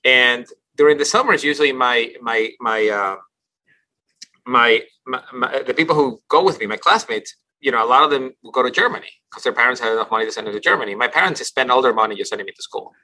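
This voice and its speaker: An Ecuadorian company CEO tells his life story as a podcast guest in a casual interview. His medium-pitched voice is fast, bright, and forceful, and he comes across as thoughtful, frequently restarting and repeating words. The recording quality is low.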